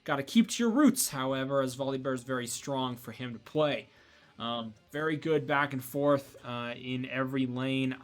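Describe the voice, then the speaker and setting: Sleepy and yawning, a young man casts a college esports game, rambling casually through his commentary with frequent fillers and false starts. His voice sits at medium pitch and he talks at a normal pace.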